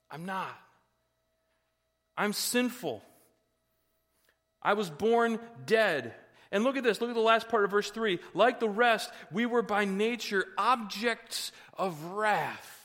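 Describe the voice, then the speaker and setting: High, bright-voiced preaching man. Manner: emphatic, joking asides, rising to shouts. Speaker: pastor. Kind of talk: sermon. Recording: reverberant hall.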